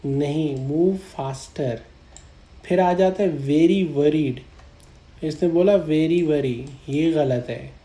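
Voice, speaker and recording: A man teaching English grammar, explaining in Hindi-Urdu and reading English example sentences out slowly, often checking in with "right?". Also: on the high side, mellow. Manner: repeats "right?" and "theek hai" to check in. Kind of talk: grammar lesson explaining slides. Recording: echoey room.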